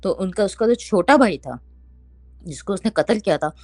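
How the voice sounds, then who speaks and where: A young woman recounts a haunting in casual, animated storytelling. Her voice is at a middle pitch and sits close and dry. Faint music plays behind her. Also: normal speed, dry recording. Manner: animated, quoting others in lively bursts.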